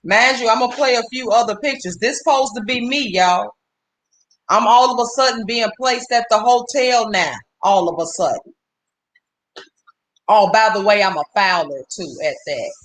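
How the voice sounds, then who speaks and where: A man's voice: sits high, normal speed, fairly bright tone, a little hiss or hum. A man on a livestream, ranting angrily and with lots of swearing while breaking off to greet viewers by name. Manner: profane, heated, stops to greet viewers. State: upset. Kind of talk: angry livestream rant.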